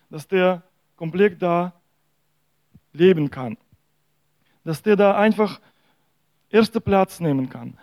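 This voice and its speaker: A man preaching a sermon, telling a parable in a halting way with frequent hesitations. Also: high voice, darkish tone, no room sound.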